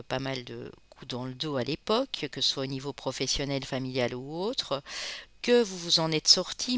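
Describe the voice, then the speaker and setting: With no room sound, this medium-pitched, slightly bright speaker reads tarot cards in a relaxed way for her viewers. She's from the Spanish Basque Country, chats freely, drops "hein" into pauses, and addresses everyone as friends.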